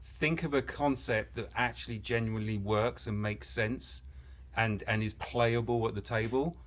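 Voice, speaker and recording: A man's voice: medium pitch, fairly even intonation, normal speed, a bit bright. A man on a livestream panel, a game designer who jokes and then explains things earnestly. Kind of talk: casual chat.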